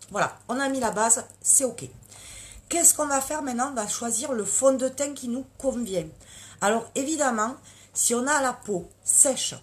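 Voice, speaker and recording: A woman giving a casual live makeup demonstration, chatty and hesitant with many fillers and restarts. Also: medium pitch. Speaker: makeup consultant and seller.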